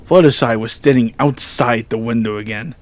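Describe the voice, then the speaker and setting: A man with a mid-range voice narrates scripted horror fiction, telling the story in a measured, solemn way.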